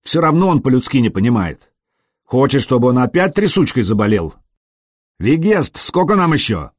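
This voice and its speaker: A stern, commanding Norse warrior chief in an audiobook, curt and authoritative, as a male narrator puts him on. The voice is husky and dry, and it moves lively between high and low. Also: moderate pace, no room sound. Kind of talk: audiobook character voice.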